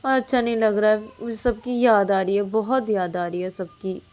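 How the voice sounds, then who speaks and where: A woman voicing Payal, a lonely, anxious young woman who pleads softly and then scolds sharply. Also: medium pitch, steady tone, normal speed, natural voice. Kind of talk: storybook narration.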